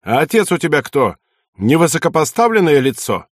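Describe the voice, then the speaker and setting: A man voicing an irascible old male Finnish baron who shouts, scoffs and chokes with rage. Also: on the high side, big pitch swings, fairly quick, no room sound, clean studio sound, voice pushed up. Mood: mocking. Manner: shouting, scornful, choking with rage.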